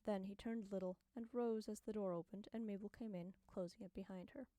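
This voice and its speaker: Mellow woman narrating an audiobook. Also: mid-range voice, steady tone, fast talker, dry recording. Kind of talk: scripted narration.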